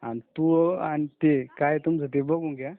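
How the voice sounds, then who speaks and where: This is a casual phone chat in which a young man, voice on the high side, grumbles a bit to a friend in colloquial speech. He talks a little slowly in a steady tone, with no echo, though the call sounds narrow and tinny.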